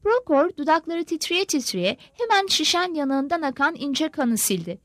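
A woman reading a novel aloud as an audiobook narrator, with expressive delivery. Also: high voice, normal speed, no echo. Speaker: audiobook reader.

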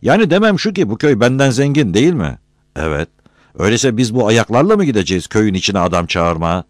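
A man's voice: lowish voice, very animated, fast talker, dry recording, clean studio sound, voice pushed up. A man voicing a poor, defiant young villager who answers back bluntly. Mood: sly. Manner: blunt, insolent retorts.

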